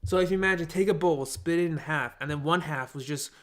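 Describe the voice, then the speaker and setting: A man's voice: fairly high pitch, fast. A young man co-hosting a casual podcast, telling rambling stories full of restarts and fillers. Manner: rambling storyteller, many restarts and "like"s. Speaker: podcast co-host. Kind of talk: casual chat.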